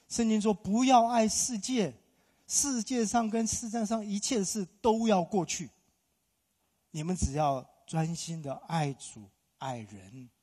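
Emphatic high-voiced husky male pastor. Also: a little mellow. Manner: emphatic, rhetorical questions to the congregation. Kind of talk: sermon. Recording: long hall reverb.

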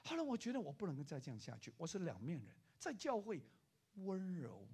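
An older man preaching a sermon as a pastor, telling a story with lively acted-out voices for the people in it. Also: high voice, a little fast, slightly rough. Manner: animated preaching, acting out the people in his story.

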